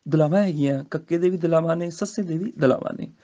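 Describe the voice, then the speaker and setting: High, gravelly male scripture teacher. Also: mellow. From Punjab, India. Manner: deliberate and explanatory, stretches out the verses he recites. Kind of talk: pronunciation lesson with slow chanted recitation. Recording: dull lo-fi recording.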